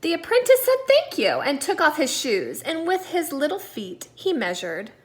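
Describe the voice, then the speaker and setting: A second-grade teacher with a fairly high voice reads a children's storybook aloud, deliberate and expressive, stressing key words so young listeners can follow. Now and then she drops into quiet asides.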